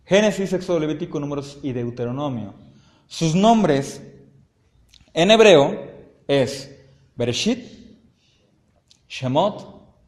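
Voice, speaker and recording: A man's voice: on the high side, a little mellow. A man teaching an interactive Bible study class, often quizzing his students and checking in with "¿ok?". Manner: asks the class frequent questions, ends points with "¿ok?".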